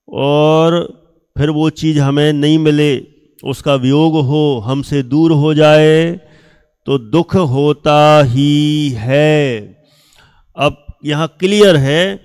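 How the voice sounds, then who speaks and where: A man teaching a class of students, speaking slowly with emphasis, asking them questions and acting out things people say. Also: on the high side, smooth. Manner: acts out quoted speech of others.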